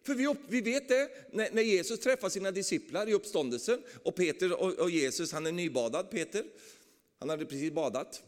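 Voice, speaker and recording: A man's voice: high-pitched, lively intonation. A man preaching a sermon, telling the story animatedly with frequent tag questions. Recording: long reverb of a large hall.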